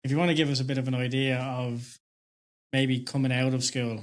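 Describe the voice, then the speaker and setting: Man, podcast host; relaxed, rambling questions, studio mic. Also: mid-range voice, brisk. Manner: easygoing, loosely phrased questions with fillers. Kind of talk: interview questions.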